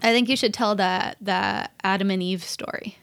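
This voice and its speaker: A woman's voice: medium pitch, fairly even intonation, creaky, fairly bright tone, no echo. A woman in her late twenties from Los Angeles, co-hosting a podcast in a playful, joking way. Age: late 20s. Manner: playful, quick to joke. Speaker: podcast co-host. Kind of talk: casual chat.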